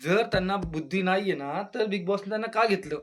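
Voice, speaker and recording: A man's voice: fast, slight background noise. A man giving a casual, chatty review of a reality show on his channel, with exclamations and speech. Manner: chatty, exclaims, mimics housemates in lowered voice. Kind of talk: casual solo review monologue.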